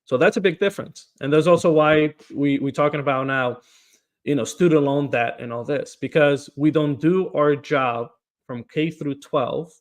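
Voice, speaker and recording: Answering questions in a podcast interview, this Portuguese man running for office speaks with earnestness and tends to repeat words at the start of his phrases. His voice is a little high, at a moderate pace.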